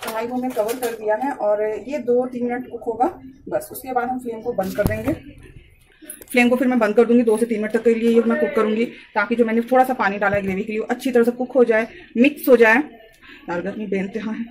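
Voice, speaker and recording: A young woman chatting softly and slowly while she cooks in her home kitchen, recorded on a phone. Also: a little high, fairly even intonation, distant mic, noisy background. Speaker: cooking vlogger. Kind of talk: casual home cooking vlog.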